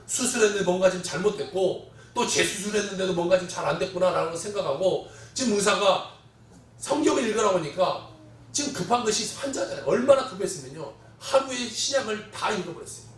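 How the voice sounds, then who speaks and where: A man's voice: high-pitched, animated, a little fast. A male pastor preaching a Sunday sermon, telling a story and acting out the voices of the people in it. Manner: storytelling, quotes voices with dramatic swings in loudness. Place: church sanctuary. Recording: echoey church hall, distant mic.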